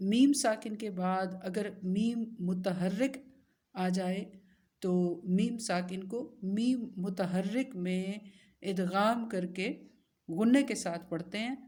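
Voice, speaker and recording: A woman teaching a recitation lesson, patiently asking questions and answering them, and spelling letters out slowly. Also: mid-range voice, darkish tone.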